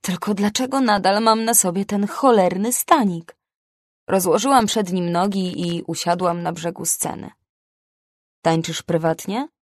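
A woman reading a first-person audiobook in a frank, expressive way. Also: medium pitch, normal speed, dry recording, studio quality. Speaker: narrator.

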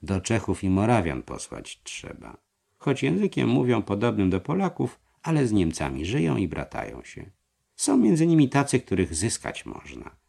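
A man's voice: on the low side, creaky, darkish tone, breathy edge, heavily acted. A man voicing a zealous, scheming crusader knight who preaches with fervour. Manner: preaching, fervent.

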